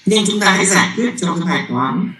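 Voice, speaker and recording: A man giving a university physics lecture. He talks haltingly, with many fillers and repeated words, and keeps checking with the class. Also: sits high, expressive, bright, forceful tone, echoey room, poor audio.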